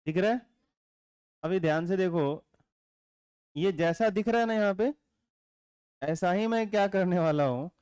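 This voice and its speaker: A man teaches a class at a steady, patient pace. His voice is smooth and sits a little high, and the dry sound carries little room echo. He keeps asking his students whether they have understood. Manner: asks the class frequent check questions; calm explaining tone with teasing asides. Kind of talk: classroom lecture. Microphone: camera mic in classroom.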